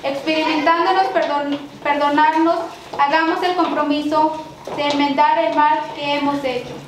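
A woman with a Mexican accent leading liturgical prayers and readings at a church mass, in a measured recited cadence with occasional restarts. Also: high voice, flat delivery. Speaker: lay prayer leader. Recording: very echoey church with background noise.

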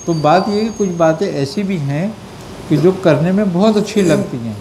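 High-voiced man teaching a spiritual gathering. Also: slight background noise. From Pakistan. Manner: checks understanding with rhetorical questions. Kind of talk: religious discourse answering questions.

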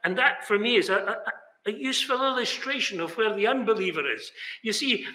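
With a high, expressive voice that is brisk, pushed and bright, an older man delivers an earnest, emphatic sermon, gesturing with both hands. He stands indoors in a small chapel before a banner, his words ringing with the room's spacious echo.

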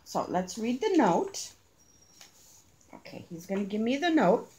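A middle-aged woman chatting casually at home as she unboxes crafts with a child, coaxing gently and gushing over every detail. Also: medium pitch, sing-song, unhurried. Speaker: crafting channel host. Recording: clear background noise.

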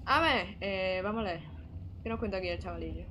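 A woman's voice: medium pitch, fairly quick, pushed and bright, a little hiss or hum. A young woman with a Spain Spanish accent, casually commenting on a horror game and reading its messages aloud in a chatty, jumpy, joking way. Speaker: gaming streamer. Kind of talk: casual let's play commentary.

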